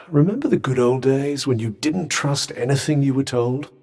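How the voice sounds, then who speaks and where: A man's voice: mid-range voice, normal speed, darkish tone, natural voice. A British man voicing a haughty, disembodied magic cuff, a pompous, dry and sarcastic video game companion who speaks eloquently. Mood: sardonic. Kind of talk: scripted video game voice lines.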